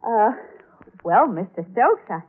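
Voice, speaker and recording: A woman's voice: medium pitch, sing-song, slow, breathy edge, exaggerated voice. A nervous young woman hiding something terrible, her words tripping and stalling as she answers. The sound is a tinny 1940s AM radio broadcast, squeezed and narrow like a phone line. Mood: flustered. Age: young adult. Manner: stammering, flustered. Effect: old AM radio broadcast sound. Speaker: radio drama actress.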